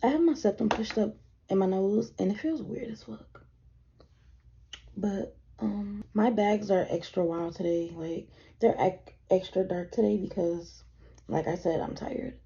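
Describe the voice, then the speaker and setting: Unhurried and husky, a tired 21-year-old vlogger rambles and curses casually through a get-ready-with-me chat at her desk. Her voice is mellow with vocal fry, slightly deeper than usual from fatigue. The camera audio is dull and lo-fi.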